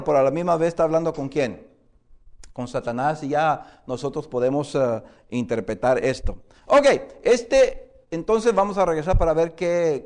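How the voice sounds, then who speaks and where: A man teaches a Bible course in a classroom lecture. His voice sits a little high, and he keeps turning questions to the class. He often pauses and restarts his sentences. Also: a little mellow. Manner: explains with many questions to the class and "hermanos"; hesitant, frequent "eh" fillers and restarts.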